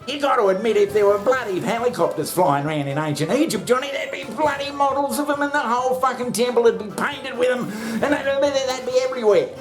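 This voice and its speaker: A man's voice: extremely high pitch, fast talker. A man on a casual comic rant, blunt and sweary, full of fillers and chuckles. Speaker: commentator on the show. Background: music.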